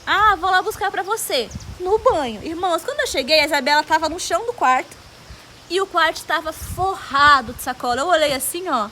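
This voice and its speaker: A young woman with a Brazilian Portuguese accent speaks in a high voice while giving a personal testimony to her congregation. She tells her story with emotion and animation and slips into the voices of the people and prayers she quotes. Faint noise sits behind her. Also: lively intonation, a little fast, bright, forceful tone.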